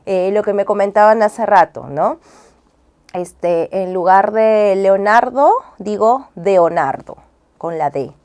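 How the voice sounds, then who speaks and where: A woman's voice: medium pitch, slow, darkish tone. Patient teacherly woman explaining to a listener. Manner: patient, teacherly, checks in often with tag questions; acts out child sounds with syllable drills. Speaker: speech and language therapist. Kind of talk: explaining as an interview guest.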